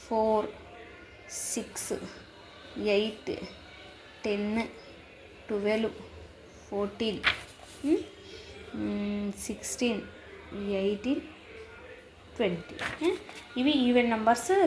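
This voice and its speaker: Woman teacher slowly spelling words out. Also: medium pitch. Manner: slow and repetitive, spelling words out letter by letter, many drawn-out "aa" fillers. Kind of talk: explaining teaching methods for young children. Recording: echoey room with faint ambient noise.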